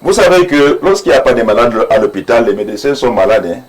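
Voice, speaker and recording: A man speaks as an imam in a studio debate. His voice sits at an ordinary middle pitch. He talks in an earnest, preaching way and repeats phrases for emphasis. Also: sing-song, quick pace, poor audio. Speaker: imam, panel guest.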